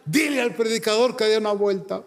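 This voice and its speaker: A preacher voicing a tearful man from a congregation who pleads in a high, halting voice. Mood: pleading. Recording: long hall reverb.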